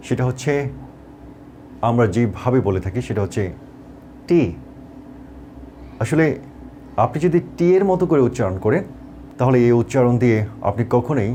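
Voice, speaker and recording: A man teacher with a Bangladeshi accent and a warm, mellow voice, guiding a pronunciation lesson. His pitch rises and falls a lot as he explains and slowly repeats example words and sounds. Faint background noise runs under the recording. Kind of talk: tutorial lesson.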